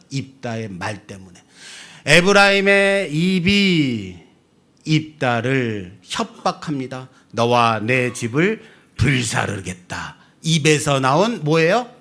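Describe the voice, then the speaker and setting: A man, a pastor, preaching a sermon, asking the congregation questions and swinging between loud emphatic lines and quiet drops. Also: fairly high pitch.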